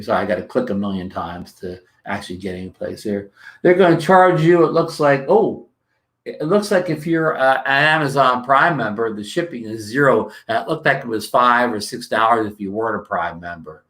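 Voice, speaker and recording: A man's voice: on the low side, moderate pace, a bit bright. A man from New Jersey hosting a casual livestream, rambling with many fillers and restarts and greeting viewers, his throat dry. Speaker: livestream host.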